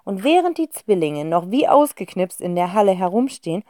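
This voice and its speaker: A woman narrating a children's audiobook in a lively, expressive storytelling manner. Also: mid-range voice, moderate pace, dry recording, clean studio sound.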